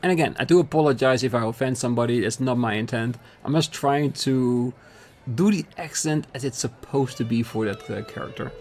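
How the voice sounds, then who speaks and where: In this let's play, a man with a medium-pitched voice talks fairly quickly, reading the dialogue aloud and reasoning through his choices as he goes. He often apologizes and laughs.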